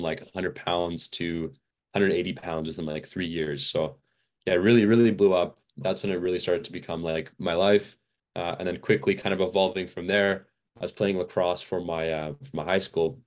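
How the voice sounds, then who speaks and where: A young man with a very low, deep voice, chatting as a podcast guest. He rambles easily with lots of "like" and "uh," a touch worn out from training. Relaxed and unscripted. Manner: rambling, many fillers and restarts. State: a little fatigued. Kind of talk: casual interview chat.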